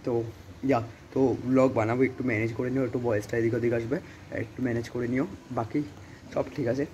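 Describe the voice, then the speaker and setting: Teen guy vlogging at home on his phone, voice a bit rough from a cold, rambly, mid-pitched. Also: steady tone, fast, darkish tone, dull audio, slight background noise. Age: teens. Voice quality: rambling, many fillers and English words. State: hoarse from a cold. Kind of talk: casual vlog chat. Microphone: phone camera.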